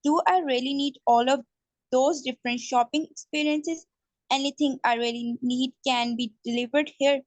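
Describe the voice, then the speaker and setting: A young woman student reading a passage aloud in class, halting with small slips. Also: high-pitched, fairly even intonation, no echo.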